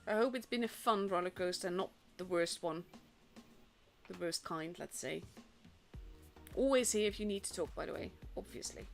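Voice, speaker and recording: Here the young Dutch caster speaks at a normal speed in a voice on the low side. Commentating a tournament on her live stream, the Netherlands-born native Dutch speaker chats casually, rambling with fillers and restarts, as faint stream music plays.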